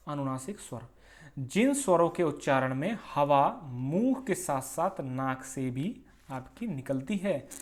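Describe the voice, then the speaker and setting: Man teaching, slow and repetitive. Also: a little high. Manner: explains slowly, repeating points with "theek hai"; sounds out vowels aloud as examples. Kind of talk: exam-prep grammar lesson.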